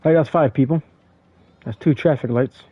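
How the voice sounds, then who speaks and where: A man's voice: medium pitch, normal speed, no echo. A man giving casual gameplay commentary as he plays, rambling with lots of fillers and stammered restarts. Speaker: gaming streamer. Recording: dry tinny phone-like audio.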